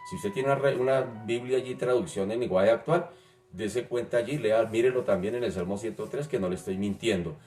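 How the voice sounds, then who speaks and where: A man's voice: fairly low pitch, brisk, a little mellow. A man preaching a sermon, emphatic and repeating phrases for stress. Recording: roomy, distant mic, faint music.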